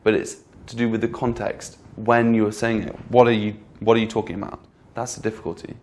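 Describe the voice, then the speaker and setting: A man teaching an online English pronunciation lesson, patiently repeating example words and slowing down to show which words carry stress. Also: fairly low pitch, level tone.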